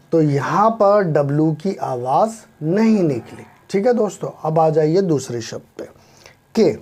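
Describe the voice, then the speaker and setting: Slow, mellow-voiced male English tutor. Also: on the high side. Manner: spells words letter by letter, often addresses listeners as friends. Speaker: English teacher. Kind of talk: spoken language lesson.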